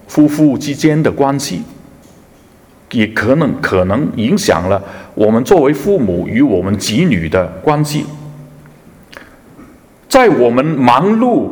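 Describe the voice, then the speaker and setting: A man preaching a sermon as a pastor, talking in an unhurried, halting way with fillers and restarts. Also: mid-range voice. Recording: reverberant hall.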